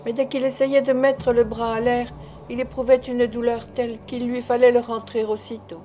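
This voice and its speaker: Mellow-voiced woman reading an audiobook. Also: on the high side, slight background noise. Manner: steady, measured reading. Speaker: narrator. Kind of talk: audiobook reading of a classic novel.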